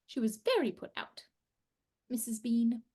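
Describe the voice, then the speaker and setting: Woman playing fierce, high-voiced Donna. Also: big pitch swings, a little slow. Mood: chatty. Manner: blunt and combative, shouts when angry. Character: fierce brash woman companion, blunt. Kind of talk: fan audio drama.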